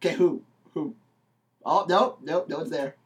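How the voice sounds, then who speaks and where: A young man co-hosting a podcast, playful and quick to laugh in casual banter. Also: fairly high pitch, distant mic. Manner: giggly and playful. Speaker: podcast co-host.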